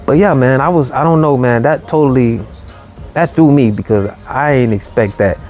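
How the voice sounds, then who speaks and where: A man hosting a late-night show, telling a story in a relaxed, easygoing way, with lots of "you know" and "man". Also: mid-range voice, moderate pace, soft background music. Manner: laid-back, drawling, full of "you know" and "man". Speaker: host.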